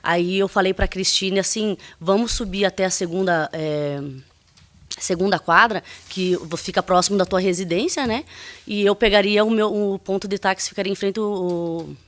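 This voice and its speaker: Woman, mid-pitched voice, testifying at a hearing, hesitant and emotional. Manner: halting, full of fillers and restarts; emotional, voice rising as she recounts. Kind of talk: courtroom testimony.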